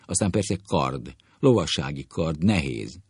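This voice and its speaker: A man plays an unflappable second haggling over duel terms in a comic sketch. He speaks offhandedly in a very low, gravelly voice, recorded close and dry. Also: no room sound, full character voice. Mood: offhand. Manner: offhand, calm, placating. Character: cool, soothing man negotiating a duel.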